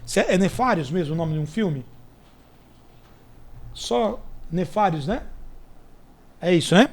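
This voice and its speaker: A man's voice: sits high, lively intonation, a little slow. A Brazilian man, a podcast guest, chatting casually and telling anecdotes and parables with acted-out quotes. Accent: Brazilian Portuguese. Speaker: podcast guest, entrepreneur and mentor.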